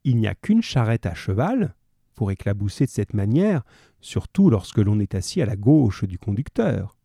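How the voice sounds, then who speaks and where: A shrewd, kindly male detective, read aloud by a man, calmly walking a visitor through his deductions with quiet amusement. The voice is very dark and mellow, with a lively, wandering pitch, and the sound is close and dry. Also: moderate pace, gravelly, husky, no echo, exaggerated voice. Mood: calm explanation. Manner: calm, reassuring, lightly amused.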